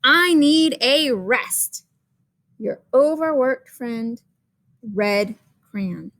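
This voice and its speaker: A woman's voice: high-pitched, animated, drawn-out words, a bit bright, voice pushed up, heavily acted. A woman voicing an overworked, exhausted red crayon that complains emphatically in a children's picture book read-aloud. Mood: weary complaint.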